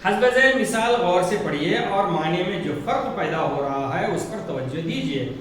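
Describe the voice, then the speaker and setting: A man's voice: high-pitched, lively intonation, moderate pace, fairly bright tone, far from the mic. A man with an Urdu-speaking Indian accent teaching a textbook lesson, patiently repeating words and spelling out letters. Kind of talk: slow textbook lesson explanation. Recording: very echoey room, voice from afar, faint background noise.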